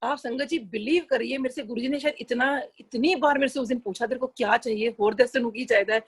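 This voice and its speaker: A middle-aged woman recounts a devotional memory in a chatty, earnest way. Her voice sits a little high, with a husky edge. She mixes English phrases into her telling and restarts her sentences now and then. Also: a little fast. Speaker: satsang devotee sharing a personal experience. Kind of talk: casual spoken testimony.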